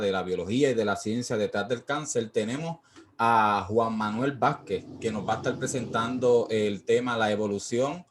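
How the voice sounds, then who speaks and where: Male Puerto Rican host, mid-pitched, halting filler-laden speech over a video call. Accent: Puerto Rican Spanish. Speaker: host and education coordinator. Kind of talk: online talk host. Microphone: computer mic on a video call.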